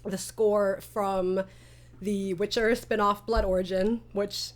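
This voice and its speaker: A woman with a medium-pitched voice takes her time as she chats casually as an interview host and creator. She tells stories animatedly, dropping in quoted asides.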